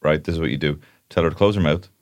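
A man's voice: a bass voice, rapid-fire, no room sound. A man co-hosting a podcast, chiming in with dry, teasing remarks. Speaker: podcast co-host. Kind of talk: casual banter.

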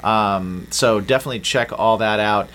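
A man's voice: on the low side, moderate pace, a bit bright, slight background noise. A man hosting a podcast, chatting in an upbeat way and plugging the show. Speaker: podcast co-host. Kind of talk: casual chat.

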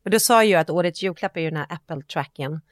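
A woman's voice: on the low side, no room sound. Chatty woman with a dry, close sound. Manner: chatty, agrees often and reflects on the topic. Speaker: podcast co-host. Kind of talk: casual chat.

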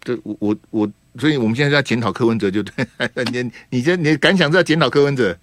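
A man hosting a call-in radio talk show, teasing and grilling his caller with rapid-fire questions. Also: medium pitch, no echo. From Taiwan.

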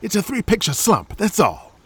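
A man's voice: sits high, wildly swooping pitch, moderate pace, bright, forceful tone, breathy edge, voice pushed up, heavily acted. A man voicing a brash, boastful washed-up male movie star with a swaggering wiseguy manner.

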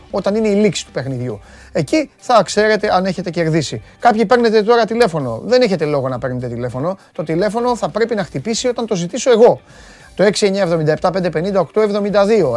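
A man hosting a live sports show, chatting casually and teasing his viewers in a loud, rough voice. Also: high voice. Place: studio.

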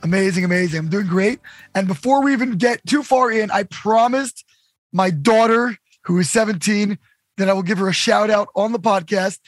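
A middle-aged man hosting a podcast interview, upbeat and quick to cheer his guest on with "amazing" and "incredible". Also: high-pitched, no room sound, studio quality, faint music behind. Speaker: podcast host. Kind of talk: casual interview.

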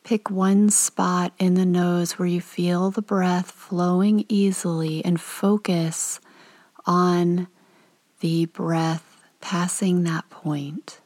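A woman with a lowish voice guides a meditation calmly, gently and soothingly. Her delivery is soft and sometimes breathy, with pauses between instructions.

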